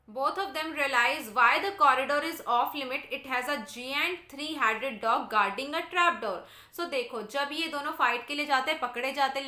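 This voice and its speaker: A woman teacher reads summary lines slowly, then explains them in Hindi. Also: high-pitched, sharp tone, roomy sound. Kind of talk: literature lesson explaining a novel.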